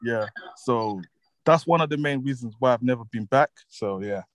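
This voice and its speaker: A man in his twenties from Zimbabwe, a musician guest talking in a relaxed way, laughing often and repeating words as he thinks. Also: mid-range voice, normal speed, no room sound, low-quality recording. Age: 20s. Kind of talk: casual interview chat.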